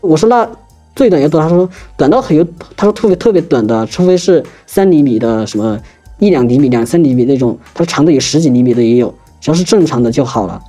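Young male storyteller, rapid and rambling, mellow husky tone, lots of restarts. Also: fairly high pitch, animated, soft background music. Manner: rambling, hesitant, with many restarts. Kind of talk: casual spoken personal story.

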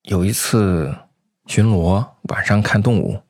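Male interviewee, low and rough-edged, halting conversational storyteller who repeats himself, unscripted. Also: a little mellow, dry recording, studio quality. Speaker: anti-poaching patroller, interview guest. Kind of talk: unscripted first-person storytelling.

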